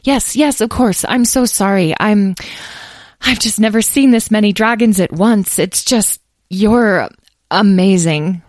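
A woman's voice: medium pitch, big pitch swings, a little slow, darkish tone, no echo, voice pushed up. A woman voicing a young dragon expert who speaks in a gushing, breathless way. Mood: eager, soft.

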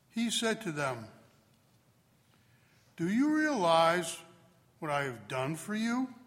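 Man proclaiming the Gospel, cathedral echo. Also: fairly bright tone. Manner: slow, deliberate reading with wide swings in pitch. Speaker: priest or deacon reading the Gospel at Mass. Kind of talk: solemn liturgical Gospel proclamation. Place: large church. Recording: long reverb of a large church.

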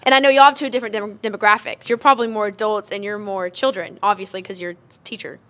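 A young adult woman hosting a podcast, telling stories and asking questions with enthusiastic, animated energy. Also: mid-range voice, quick pace. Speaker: podcast host. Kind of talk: casual chat.

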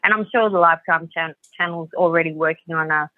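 A woman's voice: deep voice, fast, no room sound. An Australian woman, a guest author, chatting casually, rambling with lots of fillers and swearing. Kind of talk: casual podcast chat. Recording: dry tinny phone line.

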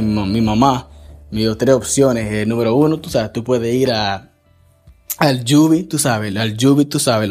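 A man who is a pastor telling his life story in relaxed Spanish, full of fillers and slipping into English phrases. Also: medium pitch. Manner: casual, fillers like "tú sabes", mixes in English. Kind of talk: personal testimony.

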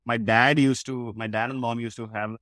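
A man's voice: medium pitch, level tone, normal speed, a bit bright, no room sound. A man in his thirties from Russia, chatting casually as a podcast guest, laughing often and full of fillers. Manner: laid-back, laughs often, many fillers. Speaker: podcast guest, content creator. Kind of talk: casual chat.

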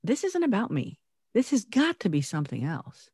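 A woman's voice: mid-range voice, wildly swooping pitch, moderate pace, warm tone, slightly rough, dry recording, studio quality. A woman co-hosting a casual faith-based chat, earnest and intense, laughing often as she talks. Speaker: podcast co-host.

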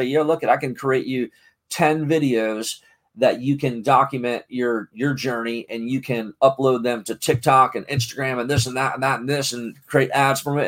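A middle-aged man talks casually to the camera, rambling and restarting his sentences often. He retells things with excitement. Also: medium pitch. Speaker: vlogger and parent. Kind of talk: casual talking-to-camera vlog.

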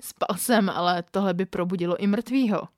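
A woman's voice: mid-range voice, no room sound, studio quality, close to an everyday voice. A woman voicing an eager, blunt young man who talks in a crude, joking way.

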